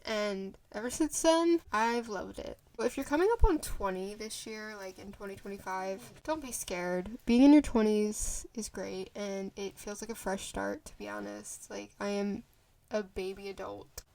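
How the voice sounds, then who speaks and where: A woman's voice: mid-range voice, a little slow, darkish tone. A woman in her twenties chatting casually to the camera in a rambling vlog, full of fillers and restarts. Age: 20s. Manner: rambling, filler-heavy, self-interrupting. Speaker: vlogger. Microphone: phone camera.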